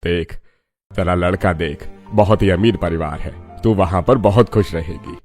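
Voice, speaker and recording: Persuasive cartoon father, voiced by a man, very deep voice, faint music behind. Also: unhurried, darkish tone. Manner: cheerful, persuasive. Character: father arranging his daughter's marriage.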